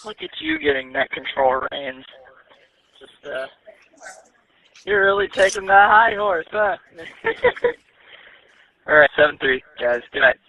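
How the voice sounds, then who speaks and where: A man's voice: sits high, very animated, slow pace, gravelly, pauses often. A young man checking in to a radio net, chatting casually and teasing, heard over a radio transmission. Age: young adult. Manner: easygoing, teasing. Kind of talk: casual ham radio chat. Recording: tinny narrow-band radio audio.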